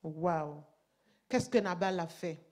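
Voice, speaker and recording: Preaching in French, a language she learned rather than grew up with, a woman reads from scripture and explains it forcefully. She speaks slowly in a lowish voice, building at times to loud, emphatic stretches.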